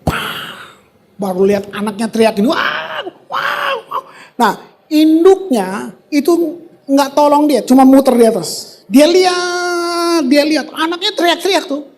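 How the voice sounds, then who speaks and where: A man preaches from a church stage in a lively, animated voice. He moves between relaxed, casual slang and scripture reading, with dramatic pauses and sudden loud outbursts. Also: very high-pitched. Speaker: pastor. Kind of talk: sermon.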